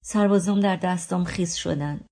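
A woman reading a literary novel aloud in the first person, quiet and introspective, sometimes dropping to a whisper. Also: on the low side. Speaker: book reader.

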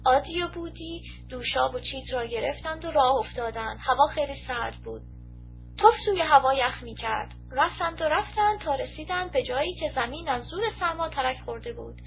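A woman narrating a storybook in a calm, even storytelling manner. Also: sits high, vocal fry, a little hiss or hum. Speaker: audiobook reader. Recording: muffled lo-fi recording.

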